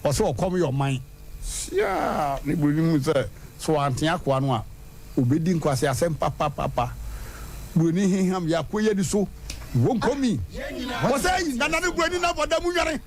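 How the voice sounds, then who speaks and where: A man hosting a radio show, telling a story in a lively way and leaping high in pitch for punchlines. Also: moderate pace, slight background noise. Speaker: radio host. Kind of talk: animated radio storytelling and proverbs. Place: radio studio.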